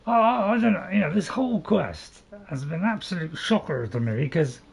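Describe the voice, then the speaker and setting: High-voiced, animated man chatting through a game. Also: moderate pace, creaky, slightly rough. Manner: hesitant, repetitive, chatty. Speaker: game streamer. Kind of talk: casual gameplay commentary.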